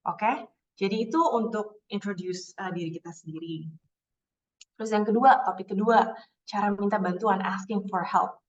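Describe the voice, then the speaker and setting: A woman teaching an English class in Indonesian, slowing down to model English phrases. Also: mid-range voice, recorded from a distance, dull audio.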